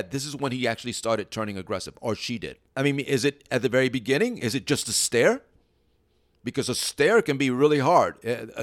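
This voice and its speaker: A man's voice: mid-range voice, dry recording, clean studio sound. A man who trains dogs, giving an informal teaching talk and explaining through stories, with frequent restarts. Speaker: dog trainer.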